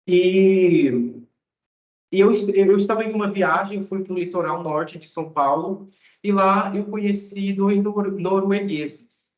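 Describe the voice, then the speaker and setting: A fairly high-voiced man from Mato Grosso, Brazil, talks casually as an English teacher, explaining ideas to his students. He keeps it conversational and checks in with little question tags. The recording is echoey and a bit dull, as if made on lo-fi gear. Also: steady tone, a little slow. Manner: conversational, often ends phrases with a questioning tag. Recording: echoey room, dull lo-fi sound.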